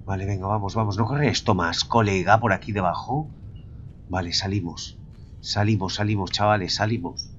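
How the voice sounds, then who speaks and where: A man's voice: lowish voice, fairly even intonation, moderate pace, a bit bright, muffled recording, slight background noise. A man from Spain with a Spanish accent, commenting on a horror game; he swears, whispers when tense, yelps at scares and keeps talking to his viewers as lads. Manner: jumpy and profane, drops to whispers and bursts into yelps. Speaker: gamer.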